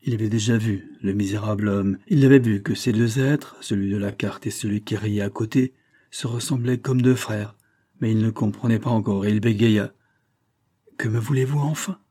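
Husky, dark-voiced male narrator. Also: lowish voice, fairly even intonation, moderate pace, no room sound, clean studio sound. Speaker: audiobook narrator. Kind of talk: literary audiobook narration.

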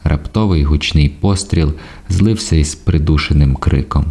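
A man reading a literary audiobook in a measured, even way. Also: very deep voice. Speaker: audiobook narrator.

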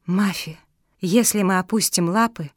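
A woman voicing a gentle, brave older sister dog in a children's audiobook, earnest and tearful. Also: mid-range voice, unhurried, no echo, studio quality, lightly acted. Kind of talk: audiobook reading.

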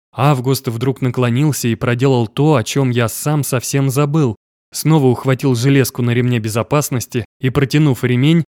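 A man reading a first-person novel aloud as narrator, slow and measured, close to the mic. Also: medium pitch, darkish tone, dry recording. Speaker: audiobook narrator.

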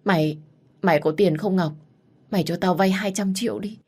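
A woman's voice: fairly low pitch, moderate pace, a little mellow. Woman reading as a worried young woman begging for help, storybook. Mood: desperate. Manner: pleading and hesitant. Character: anxious young woman in debt.

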